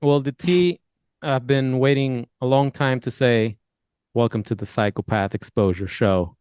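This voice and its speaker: A man hosts a podcast, leading an interview with loose, rambling questions that restart mid-thought. His voice is smooth and clean, recorded dry and close with no room sound. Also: mid-range voice, unhurried, a little mellow, dry recording. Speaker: podcast host. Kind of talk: casual interview hosting.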